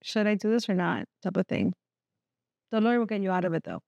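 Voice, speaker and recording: A woman hosting a casual podcast chat, animated and laughing, acting out little quotes. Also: mid-range voice, quick pace, gravelly, dry recording, lo-fi sound. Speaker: podcast host.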